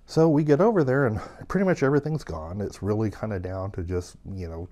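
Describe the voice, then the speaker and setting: A man who runs an estate sale business, telling a long anecdote in a casual, animated way with plenty of fillers. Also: fairly low pitch, brisk. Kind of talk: casual storytelling.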